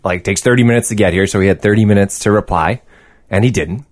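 A man's voice: on the low side, fast talker, dry recording, clean studio sound. A man hosting a casual podcast, chatting in a joking, teasing, sweary way. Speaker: podcast host.

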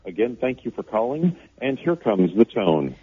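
A man's recorded answering machine greeting, calm, polite and formal, played back over the phone. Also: lowish voice, moderate pace, husky. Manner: calm and courteous, announces the tone. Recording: muffled phone playback.

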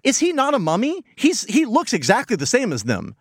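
A man's voice: very high-pitched, wildly swooping pitch, a little fast, slightly rough, dry recording, studio quality. An American man co-hosting a podcast, giving a casual comedic recap in a rambling, incredulous manner. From United States. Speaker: podcast co-host.

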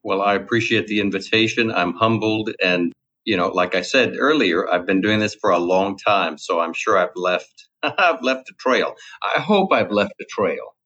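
With a lowish, pushed, bright voice and lively intonation, a middle-aged Cajun-accented man from Louisiana, USA, speaks at normal speed. He's a casual interview guest who rambles and repeats his words, recorded with dull lo-fi quality.

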